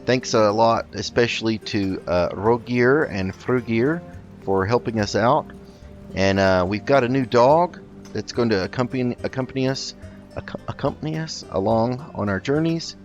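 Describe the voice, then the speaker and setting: A man hosts a casual roleplay let's play as a gaming video host, chatting and thinking out loud at a moderate pace in a mid-range voice. The slightly dull mic picks him up with faint game music underneath.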